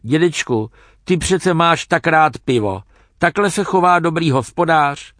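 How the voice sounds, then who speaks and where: A man's voice: a little high, expressive, a bit bright, dry recording, clean studio sound, voice pushed up. Man doing a sly coaxing granddaughter. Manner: coaxing, scornful of foreigners. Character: young woman, granddaughter, sly and persuasive.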